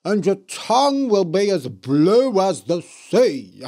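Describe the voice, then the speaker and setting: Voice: medium pitch, sing-song, takes it slowly, warm tone, voice pushed up. Man doing mocking ghost witch, sing-song, strange timbre, storybook spirit. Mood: cursing.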